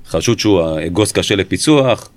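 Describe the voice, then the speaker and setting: A former police interrogator tells his story in an interview, his voice low and set down with firm, measured emphasis. He is recorded dry and close, with no room sound. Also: lively intonation, no room sound.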